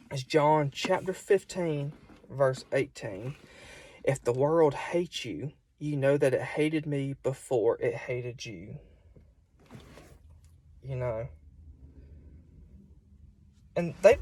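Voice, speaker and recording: In a self-recorded, informal sermon, a young adult man with a Southern US accent preaches in a chatty, folksy manner. His slightly high voice is a bit mellow and a touch rough.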